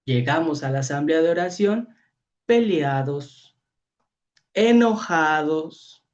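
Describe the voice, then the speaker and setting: Mexican priest preaching, dull lo-fi audio. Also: male voice, on the high side, expressive, takes it slowly. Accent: Mexican Spanish. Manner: storytelling, acts out voices, frequent rhetorical "¿verdad?". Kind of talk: preaching to a youth training session.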